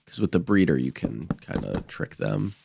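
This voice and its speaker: A man's voice: very deep voice, sing-song, moderate pace, vocal fry, background noise. A man giving casual gameplay commentary as host, his voice stuffy and nasal from a blocked-up nose with a cold. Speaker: gaming video host.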